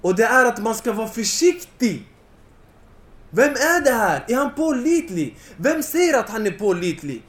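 A young man giving an impassioned Islamic lecture to a young audience, at times rising nearly to a shout. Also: very high-pitched, sing-song, roomy sound.

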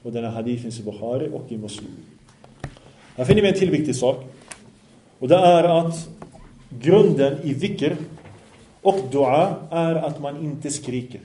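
A man with a mellow, medium-pitched voice and lively intonation leads an Islamic study lesson, leaving long pauses. He recites passages in Arabic, translates and explains them, and asks his listeners questions, all in an echoey room.

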